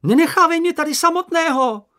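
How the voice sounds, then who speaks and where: A man voicing a small, timid, boastful male creature in an audiobook, with a squeaky, anxious, whiny manner. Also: big pitch swings, husky, full character voice. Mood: fearful. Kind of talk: audiobook character voice.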